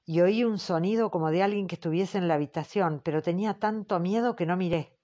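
A woman reading the part of a frightened young woman answering questions, in a soft, hesitant way. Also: fairly low pitch, brisk, natural voice. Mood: fearful. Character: frightened young woman witness, timid and polite. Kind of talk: audiobook character reading.

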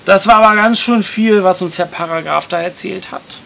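A man's voice: sits high, moderate pace, gravelly, fairly bright tone, voice pushed up. A man doing young Max, an outspoken boy. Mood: amazed. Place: library reading.

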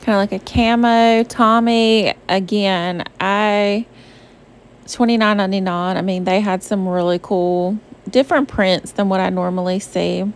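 In a steady, unhurried voice of medium pitch, a young woman from the American South talks through her shopping trip. It's a chatty, bubbly voice-over full of "um" and "like," recorded separately from the store shown, with faint music playing behind her.

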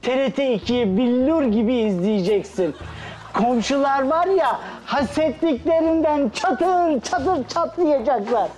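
A man's voice: sits high, moderate pace, a little mellow, slight background noise, lightly acted. An actor playing a jovial neighbourhood man who boasts and laughs as he shows off. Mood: boastful.

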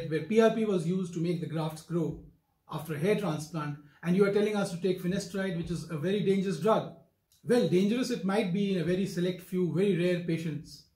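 An older doctor in his 60s, a hair transplant surgeon with an Indian accent, gives a formal, emphatic explanatory talk to camera in a measured way. His voice sits high and sounds warm. He's indoors in a wood-furnished office, and the sound is roomy and echoing.

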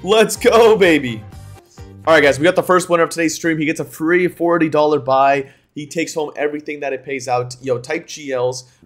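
A young man hosting a gambling livestream in an excited, slangy, repetitive frat-bro manner. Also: on the high side, fairly quick, soft background music. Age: young adult. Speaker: livestream host. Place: indoor room at home.

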